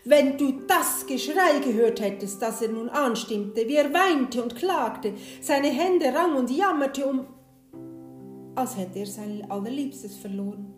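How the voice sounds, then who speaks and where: A woman reading a fairy tale aloud in a gentle, expressive way, in a roomy space with soft guitar behind. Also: high-pitched, a little slow. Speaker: storyteller.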